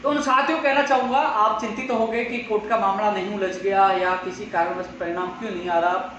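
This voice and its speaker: High-voiced man in an echoey room. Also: fairly even intonation, a little fast, fairly bright tone, dull audio. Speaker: host of a live update stream for job seekers. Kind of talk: live social media update, spoken address to followers. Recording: echoey room, far from mic, faint noise.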